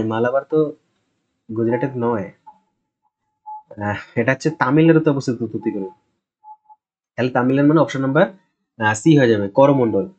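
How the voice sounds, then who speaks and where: A man's voice: mid-range voice, darkish tone, highs cut off. A man teaching a casual exam-prep quiz lesson, talking conversationally and repeating answers with frequent check-ins. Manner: conversational, repeats answers, tags "ঠিক আছে?" often.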